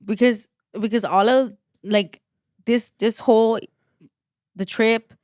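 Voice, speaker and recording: A woman's voice: fairly high pitch, fairly even intonation, slow, darkish tone, dry recording, clean studio sound. A woman co-hosting a podcast in casual chat, rambling with lots of "like" fillers and restarts. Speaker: podcast co-host.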